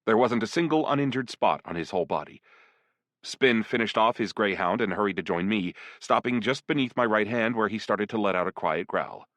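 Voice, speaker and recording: A man narrating a first-person dark fantasy audiobook in an expressive storytelling manner. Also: fairly low pitch, brisk, dry recording.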